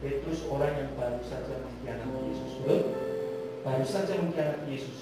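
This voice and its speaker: A man preaching a sermon, swinging between loud rises and hushed passages. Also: mid-range voice, brisk. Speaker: speaker. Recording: far-off mic in a very echoey hall with music.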